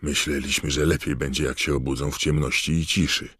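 Brisk young dragon keeper in an audiobook, a man reading him, very deep, dry sound. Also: level tone, pushed and bright, no echo, full character voice. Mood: explaining.

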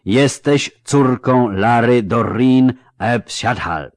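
A man voicing an ancient, aloof male elf sage who speaks slowly, quietly and with measured calm. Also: medium pitch, no echo, clean studio sound, lightly acted. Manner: slow, quiet, measured speech.

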